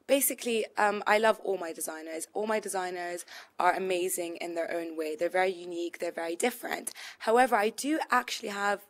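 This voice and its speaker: A woman's voice: fairly low pitch, fairly quick. Chatty young woman. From London. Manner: chatty, full of "um" and "like" fillers. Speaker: e-boutique co-founder and buyer. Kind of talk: casual interview answers.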